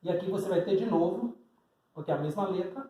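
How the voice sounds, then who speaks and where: A man from Salvador, Bahia, Brazil preaches a teaching sermon, explaining symbols on a board step by step and posing rhetorical questions. His voice is high-pitched and mellow, and he talks fast. The room is echoey.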